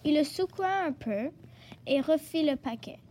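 A woman reading a children's storybook aloud in a gentle, expressive way. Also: high-pitched, unhurried, slight background noise.

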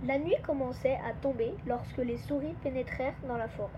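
A woman reading a children's Christmas story aloud in a gentle, expressive storytelling manner. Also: high-pitched, a little fast. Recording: dull lo-fi with clear background noise.

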